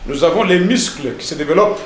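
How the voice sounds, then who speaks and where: Male pastor, didactic TV teacher, slightly high voice, echoey room. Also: expressive, fast talker, a little hiss or hum. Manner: didactic, repeats words and tags lines with "hein" and "n'est-ce pas".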